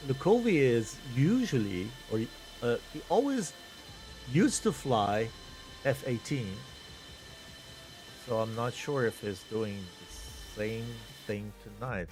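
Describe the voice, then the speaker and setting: A man's voice: lowish voice, a little mellow. A middle-aged man from Iran, unhurriedly thinking aloud as he commentates a live flight-sim tournament from home. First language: Persian. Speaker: stream commentator.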